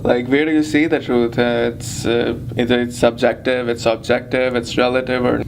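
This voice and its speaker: A man in his twenties being interviewed in an elevator, speaking thoughtfully with many pauses. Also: mid-range voice, little pitch movement, gravelly, noisy background. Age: 20s. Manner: thoughtful, hesitant, reflective. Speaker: interviewee, doctor. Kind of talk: casual conversation.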